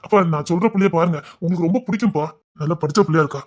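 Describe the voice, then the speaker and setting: In a family drama, a young actor takes the role of a stubborn, proud son from a village, insistently and earnestly pleading with his parents. He sounds natural, his husky voice a touch high and his speech fast and tumbling.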